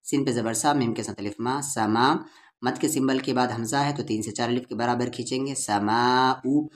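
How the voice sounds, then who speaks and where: Fairly quick and fairly even in intonation, a man with a mid-range voice and an Urdu-Hindustani accent teaches Quran reading. His letter-by-letter lesson patiently breaks words into syllables and draws out the vowels.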